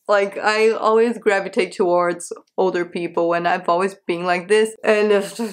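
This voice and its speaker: A young woman from Brazil, talking candidly to camera in a small bedroom, with frequent rhetorical questions. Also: medium pitch. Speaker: vlogger. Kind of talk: casual talk to camera. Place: small bedroom with a sofa, indoors.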